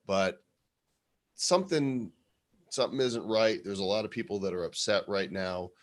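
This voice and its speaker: A man's voice: fairly low pitch, moderate pace. A man co-hosting a live show in casual, rambling, conversational talk. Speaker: co-host of a show about NFT art.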